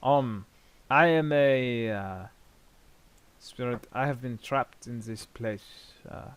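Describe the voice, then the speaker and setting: A man playing a helpful, apologetic gravedigger spirit in a tabletop game, speaking politely and formally with hesitant pauses. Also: mid-range voice, clear, resonant tone, dry recording, natural voice. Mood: formal, earnest. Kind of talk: improvised tabletop role-play.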